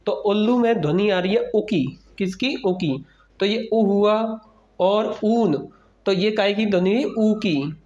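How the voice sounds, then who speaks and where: Slow high-voiced male teacher, lo-fi. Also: a little mellow. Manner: asks questions and answers them himself, repeating each sound. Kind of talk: Hindi alphabet lesson for children. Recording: dull lo-fi recording.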